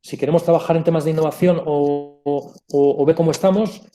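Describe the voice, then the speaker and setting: A man's voice: on the high side, fairly even intonation, fairly quick, warm tone, faint music behind. A man giving a reflective pastoral conference talk, explaining ideas with asides and small self-corrections. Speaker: conference speaker.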